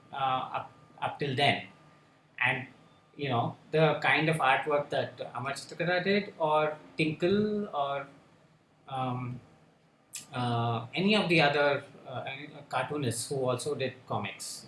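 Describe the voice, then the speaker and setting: A man speaking on a panel discussion, halting and full of fillers and restarts. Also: on the high side, a bit bright, a little hiss or hum. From India. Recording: echoey room with faint ambience.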